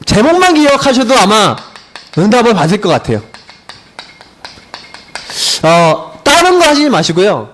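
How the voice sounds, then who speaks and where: A young male pastor preaches in a high, lively voice that swoops up and down. He slows right down to lean on key words, and he acts out quoted conversations with his friends. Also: a little hiss or hum. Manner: stretches key words slowly for emphasis. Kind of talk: afternoon sermon.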